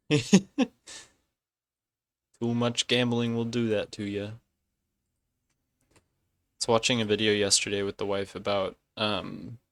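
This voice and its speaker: A man's voice: on the low side, fairly bright tone, dry recording. A man streaming a game and chatting casually, rambling and correcting himself as he goes. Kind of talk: casual live-stream chat.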